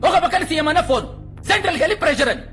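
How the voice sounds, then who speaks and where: An enraged official, firing off a sarcastic tirade. His voice is high, bright and fast, with faint music under it. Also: expressive, heavily acted. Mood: furious. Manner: shouting, sarcastic, rapid tirade. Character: furious middle-aged official berating police chief. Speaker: senior official scolding police.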